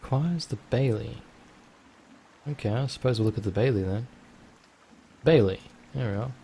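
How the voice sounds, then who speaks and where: A man's voice: mid-range voice, moderate pace, gravelly, mellow, a little hiss or hum. A man casually commentating his own gameplay, rambling and thinking aloud. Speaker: let's play host.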